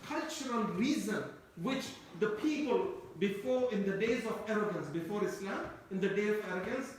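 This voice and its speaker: Heard from a distant mic in an echoey room, a Turkish-raised Quran teacher gives a commentary lecture at a moderate pace. His voice is high and lively in intonation, and he's discursive, circling back and restarting his phrases.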